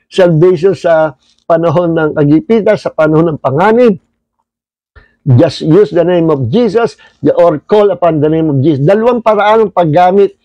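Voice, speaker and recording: An older man with a Filipino accent, a pastor telling stories in a livestreamed Bible study sermon, mixing English phrases into his talk and crying out loudly at times. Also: high-pitched, no echo, poor audio.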